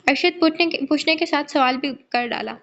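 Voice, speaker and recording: A woman with a high voice narrates an audio novel in a steady storytelling manner. The recording is dull and lo-fi. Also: moderate pace, a little hiss or hum.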